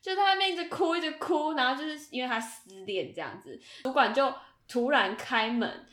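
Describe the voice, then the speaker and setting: Young female podcast co-host, animated storyteller, high and bright. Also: brisk, reverberant. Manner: animated storytelling, acting out quotes. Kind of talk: casual chat.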